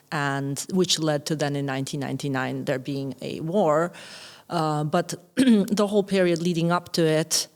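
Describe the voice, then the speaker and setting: A woman in her thirties from Kosovo with an Albanian accent, a podcast guest who speaks thoughtfully and hesitantly, with many fillers. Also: low-pitched. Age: 30s. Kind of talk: reflective interview talk.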